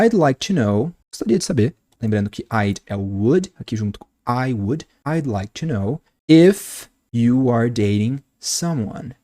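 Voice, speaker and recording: Homem brasileiro ensinando inglês, animado. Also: male voice, a little high. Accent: Brazilian Portuguese. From Brazil. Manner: lively, teacherly, spells out sounds slowly. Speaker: English teacher. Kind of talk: online English lesson.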